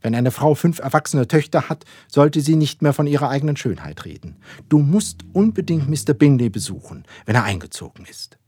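A man voicing a fussy, excitable middle-aged mother who is set on marrying off her daughters, impatient and pushy. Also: fairly high pitch, fairly quick, hardly any pauses, slightly rough, no echo, pitched above the performer's own voice. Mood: insistent.

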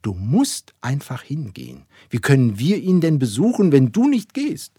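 A man voicing a fussy, excitable middle-aged mother who is set on marrying off her daughters, impatient and pushy. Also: mid-range voice, normal speed, slightly rough, dry recording, clean studio sound, pitched above the performer's own voice. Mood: insistent.

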